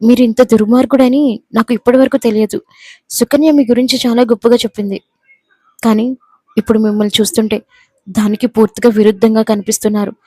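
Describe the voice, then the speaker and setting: A woman's voice: a little high, fairly even intonation, fast talker, pauses often, mellow, dry recording, natural voice. A woman voicing a proud, wronged young wife who speaks angrily and defiantly. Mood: angry defiance. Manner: angry, pleading, defiant.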